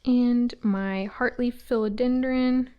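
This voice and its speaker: A woman's voice: a little high, steady tone, slow, smooth, lo-fi sound. A woman giving a casual tour of the houseplants in her small old house, naming each one as she walks and sometimes slipping into a whisper. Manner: chatty, names plants as she walks, drops to a whisper at times. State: out of breath. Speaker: plant vlogger.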